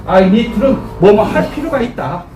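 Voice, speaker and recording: High-voiced man teaching English in a room. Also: expressive, warm tone. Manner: repeats English phrases slowly, cues class with "start". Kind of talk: classroom lecture with call-and-response drills. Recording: echoey room, distant mic, faint noise.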